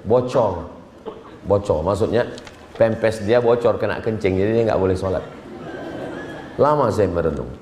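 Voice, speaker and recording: A man's voice: on the low side, expressive, moderate pace, long pauses, a little mellow. A man preaching a humorous sermon, telling jokes and acting out dialogues to an audience. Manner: joking storyteller who acts out dialogues. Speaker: Islamic preacher. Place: large hall with an audience. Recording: echoey hall, faint background noise.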